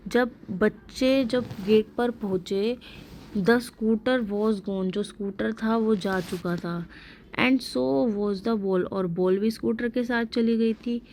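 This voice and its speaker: Slow, questioning woman teacher. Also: fairly high pitch, a little mellow, slight background noise. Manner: slow, explanatory, asks questions then answers them; mixes Hindi with English words and sentences. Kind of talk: explaining a school textbook lesson.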